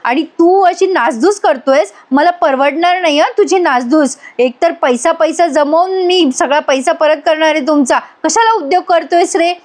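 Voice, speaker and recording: A woman voicing a sharp-tongued, quick-tempered young village wife who scolds sarcastically. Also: high-pitched, natural voice. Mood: scolding.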